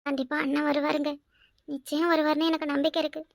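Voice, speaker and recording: A woman voices an earnest young village wife in a cartoon, imploring and anxious in a Kanyakumari Tamil accent. Her voice is very high and gravelly, and the sound is close and dry. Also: little pitch movement, fast talker, no echo.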